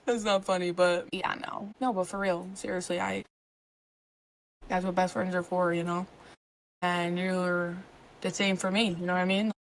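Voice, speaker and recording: A woman's voice: on the low side, flat delivery, moderate pace, a little hiss or hum, poor audio. Joking, supportive woman podcast co-host. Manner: joking, supportive, many fillers. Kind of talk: casual chat.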